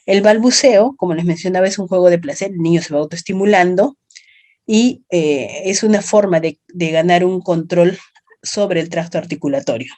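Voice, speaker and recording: This online class lecture comes from a woman with a Peruvian accent whose voice is mellow and on the low side, delivered at a moderate pace. Explaining step by step, she checks in with short tag questions to make sure students understand.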